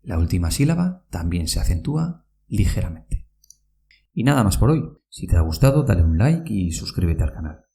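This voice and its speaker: A man teaches pronunciation in a podcast, talking slowly and carefully. He spells words out letter by letter and repeats each example. His voice is dark and mellow, with a gravelly rasp. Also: sits low, sing-song. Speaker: Basque language teacher.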